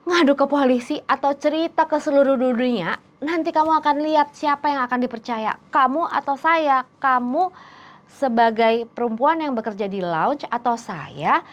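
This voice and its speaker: A woman's voice: lowish voice, expressive, moderate pace, muffled recording, natural voice. A woman storyteller voicing a powerful man who talks in a smug, mocking, dismissive way. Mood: threatening.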